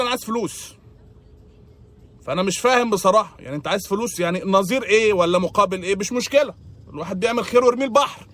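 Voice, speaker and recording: Fast-talking Egyptian man's sarcastic comic rant. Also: high voice, fairly bright tone. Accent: Egyptian Arabic. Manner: exasperated, sarcastic complaining. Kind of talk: comedic monologue rant.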